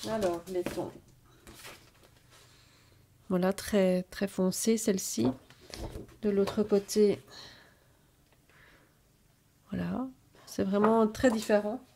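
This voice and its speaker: Slow, hesitant woman showing craft papers. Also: medium pitch, steady tone, gravelly, warm tone, a little hiss or hum. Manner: slow, hesitant, many fillers while showing items. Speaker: scrapbooking haul vlogger. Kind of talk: casual haul video commentary.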